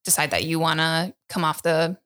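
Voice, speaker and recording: A woman's voice: sits low, little pitch movement, normal speed, a bit bright. A woman hosting a podcast interview in a casual, agreeable way, laughing easily and affirming her guest often. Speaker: podcast host.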